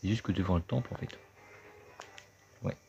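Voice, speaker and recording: A man's voice: sits low, moderate pace, creaky, a little mellow. A man giving casual, chatty gameplay commentary, thinking aloud as he plays. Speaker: let's play gamer. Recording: dull lo-fi sound with game music.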